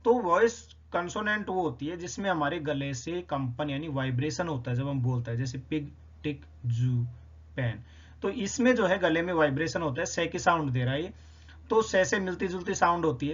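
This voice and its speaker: A man explains a phonetics quiz, working through each answer step by step. His voice sits fairly high, and he says each sound over slowly. The recording is slightly dull and lo-fi. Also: animated, breathy edge. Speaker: English teacher.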